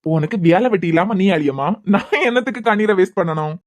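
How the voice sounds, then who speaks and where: A woman voicing a devoted young husband who is a hospital head, speaking in a Kanyakumari Tamil accent, bantering fast and turning stern at times. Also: medium pitch, lively intonation, lightly acted. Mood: teasing. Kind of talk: cartoon web series voice acting.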